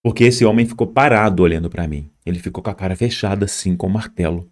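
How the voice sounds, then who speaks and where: A man's voice: low voice, quick pace, a little mellow. A young man tells his own story as an immigrant, speaking straight to viewers and pointing at footage on screen. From Brazil. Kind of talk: personal storytelling.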